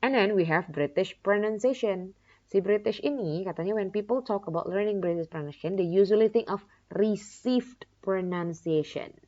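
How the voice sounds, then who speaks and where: A woman's voice: medium pitch, normal speed, darkish tone. A young woman from Indonesia teaching an English pronunciation lesson, mixing two languages and asking herself questions. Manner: explains in two languages, asks and answers her own questions, many "ya kan" tags. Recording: dull lo-fi recording.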